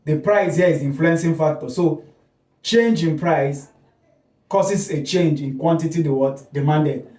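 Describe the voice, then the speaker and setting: A man's voice: on the high side, measured pace, darkish tone. A man teaches an economics class, often asking questions and answering them himself and checking with "okay?". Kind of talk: classroom lecture at a board. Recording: echoey room, voice heard from a distance.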